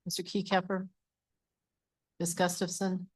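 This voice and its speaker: A woman clerk calling the roll at a public board meeting, in a flat, even way. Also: on the low side, a little slow, breathy edge.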